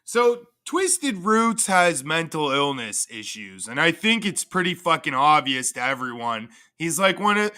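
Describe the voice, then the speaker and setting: A man's voice: on the high side, very animated, measured pace, few pauses, sharp tone, clear, resonant tone. A man hosting a livestream, crudely and profanely mocking in a casual rant. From Canada. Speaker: livestream host.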